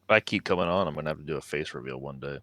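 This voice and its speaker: A man's voice: extremely low pitch, racing, sharp tone. A man talking as a guest on a casual podcast, dry and brushing off teasing. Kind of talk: casual chat.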